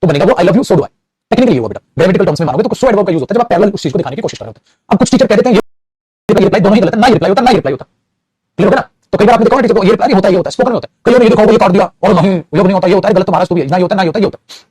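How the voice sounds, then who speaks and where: A man teaching grammar at a rapid clip, his voice high for a man and a little husky. He repeats himself often and keeps checking in with the class. The sound is dry and close. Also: expressive, darkish tone, dry recording. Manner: repetitive, addresses students as "beta", frequent "very good". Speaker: English teacher. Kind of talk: classroom-style grammar lesson.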